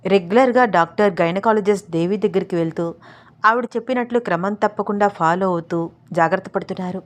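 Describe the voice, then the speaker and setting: A woman narrating a romance story aloud, reading the narration gently and softening for intimate passages. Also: medium pitch, fast. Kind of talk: narrated Telugu romance story with voiced dialogue.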